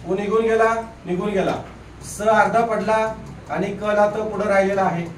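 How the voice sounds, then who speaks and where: A man's voice: high voice, flat delivery, normal speed, distant mic, slight background noise. A man teaching a grammar lesson in a classroom, drilling students with repeated questions and teasing them now and then. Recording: echoey room, voice off-mic.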